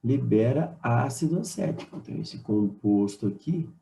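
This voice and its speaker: A man teaching chemistry with a Brazilian Portuguese accent, solving exam questions and talking straight to his students, spelling formulas out slowly. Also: medium pitch, lively intonation, creaky, mellow, poor audio. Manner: explanatory, addresses students directly, repeats formulas slowly. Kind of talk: exam solution lesson.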